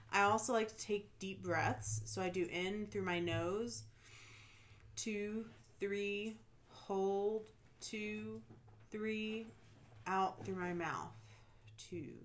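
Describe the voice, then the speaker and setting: A young woman co-hosting a podcast, talking calmly and steadily as she steers the conversation. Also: mid-range voice. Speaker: podcast co-host. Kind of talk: casual chat.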